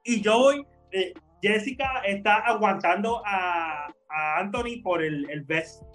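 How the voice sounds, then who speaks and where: A man's voice: high-pitched, takes it slowly, a bit bright, soft background music. A man co-hosting a podcast, telling a story to friends in a casual way, laughing often and mixing in English words. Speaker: podcast co-host.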